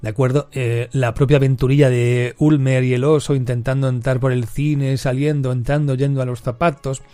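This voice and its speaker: A podcast host from with a mid-range male voice, talking through a film scene by scene. He is an animated storyteller who slips into the characters' lines. The recording is close and dry. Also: mid-range voice, moderate pace, few pauses, no echo, faint music behind. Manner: lively storyteller who acts out character quotes. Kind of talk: casual film recap.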